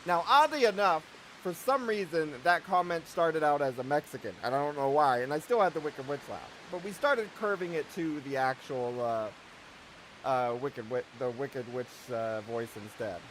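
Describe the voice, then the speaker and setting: A man's voice: on the high side, moderate pace, a bit bright, slight background noise. A man streaming a shooter game live, chatting casually to his viewers as he plays. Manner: casual, chatty, talking to chat. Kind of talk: live gameplay commentary.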